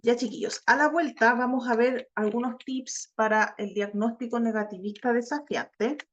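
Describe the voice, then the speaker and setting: A woman's voice: a little high, normal speed. A woman with a Chilean accent teaching an online class, chatty and talking straight to her students. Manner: chatty, addresses students directly, acts out quoted teens. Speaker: course instructor. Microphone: video call. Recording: lo-fi muffled video-call audio.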